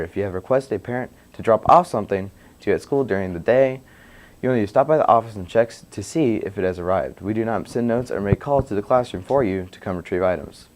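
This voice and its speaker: A man's voice: on the low side, a little mellow. A young man reading scripted school announcements as a student news anchor.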